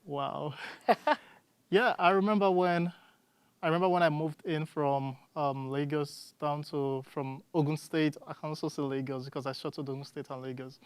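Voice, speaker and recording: Nigerian-accented student, chatty storyteller, crisp and dry. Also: medium pitch, steady tone, normal speed, no room sound. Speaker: student guest. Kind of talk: casual interview answers.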